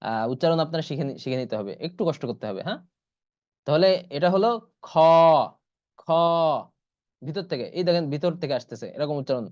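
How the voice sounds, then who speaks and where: A man's voice: a little high, expressive, a little mellow, no echo. Patient man teaching letters over muffled audio. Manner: patient, repeats each letter slowly several times. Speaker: Quran teacher. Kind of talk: online class lesson. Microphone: computer or headset mic in an online class.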